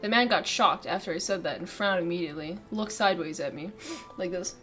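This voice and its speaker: A woman's voice: on the low side, fairly quick, a bit bright, soft background music. A woman streamer reading a visual novel aloud, laughing and swearing between lines.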